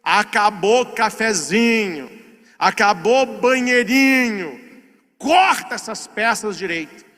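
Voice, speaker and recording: A man's voice: high voice, lively intonation, slow pace, pushed and bright, exaggerated voice. A man voicing a harsh factory boss who scolds his workers, recorded in an echoey hall. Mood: scolding. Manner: barking, scolding.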